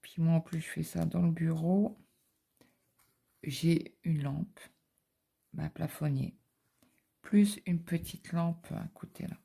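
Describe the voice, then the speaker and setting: A woman's voice: deep voice, fairly even intonation, takes it slowly, creaky, long pauses, mellow, breathy edge. A middle-aged woman, chatting casually and rambling through a story while she stitches in her home office. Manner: rambling anecdotal storytelling with many fillers. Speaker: cross-stitch vlogger.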